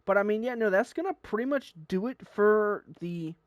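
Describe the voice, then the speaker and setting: A man's voice: sits high, animated, normal speed, no room sound. A young man with a slightly raised voice chats through his sports game as he plays. He rambles in an easy, upbeat way and stumbles over a word here and there. The sound is dry and close, recorded at a desk mic. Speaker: gaming YouTuber. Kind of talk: casual gameplay commentary.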